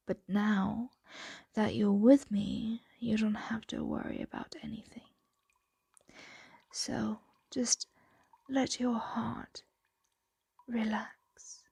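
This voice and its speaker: In an ASMR roleplay, a woman plays a possessive, doting female dragon, soothing and teasing in a breathy, intimate whisper. Her fairly high, mellow voice is exaggerated, and there's no room sound.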